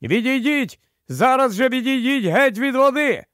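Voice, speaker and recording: A man reading the part of a sensible, quick-thinking boy in a storybook, speaking earnestly. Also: sits high, lively intonation, dry recording, clean studio sound. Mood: alarmed.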